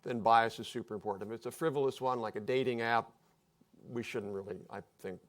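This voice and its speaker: A man's voice: medium pitch, fairly even intonation, fairly quick. A man speaking as a panelist at a live public discussion, explaining points in an offhand, joking way.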